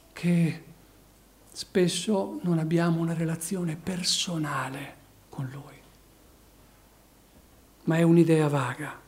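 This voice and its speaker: A man from Italy delivers a sermon in a high-pitched voice. He preaches emphatically, swelling loud on key phrases and sinking low after them.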